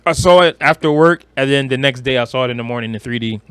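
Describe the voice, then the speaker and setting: Fast and medium-pitched, this smooth, slightly bright voice belongs to an American-accented podcast co-host from Detroit. He jokes and tells stories in slangy, casual talk about movies, on a dry recording.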